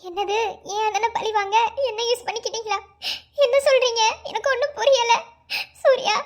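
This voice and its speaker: Squeaky wailing betrayed cartoon girl. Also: normal speed. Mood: pleading. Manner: tearful wailing, pleading. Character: betrayed young pregnant woman, wailing and pleading. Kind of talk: cartoon love-story voice acting.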